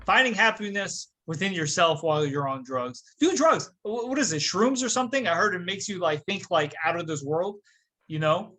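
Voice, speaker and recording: Young guy cohosting a podcast, bright sharp voice, jokey and animated. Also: high voice, fairly quick. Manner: joking, animated storyteller. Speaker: podcast co-host. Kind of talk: casual chat.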